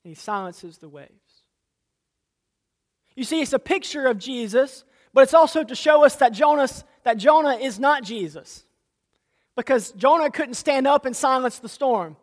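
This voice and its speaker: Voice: high voice, moderate pace. A pastor preaching a sermon, asking the congregation rhetorical questions and often restarting and repeating words. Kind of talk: sermon with scripture reading. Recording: long hall reverb.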